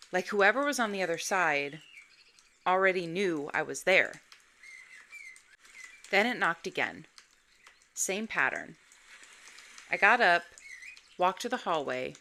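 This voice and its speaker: A woman recounts an eerie personal story, unhurried and deliberate. Her voice sits a little low but has a bright, forward edge. She builds suspense through careful pacing. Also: slight background noise. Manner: slow, measured, suspenseful delivery. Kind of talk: first-person spooky story narration.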